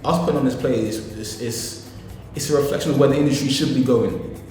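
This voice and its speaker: A man's voice: medium pitch, brisk, a little mellow. A man giving earnest interview talk, emphatic and circling back over his phrases. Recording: very echoey hall, faint music.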